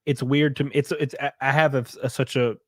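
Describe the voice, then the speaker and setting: A man's voice: medium pitch, little pitch movement, fairly quick, no room sound, clean studio sound. A man hosting a casual podcast chat, rambling and ranting with lots of filler words. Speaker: host.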